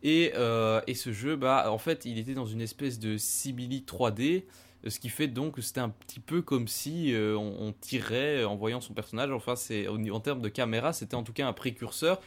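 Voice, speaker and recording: A man's voice: mid-range voice, normal speed. A man hosting a casual retro gaming podcast discussion, talking with many hesitant fillers. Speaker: podcast host.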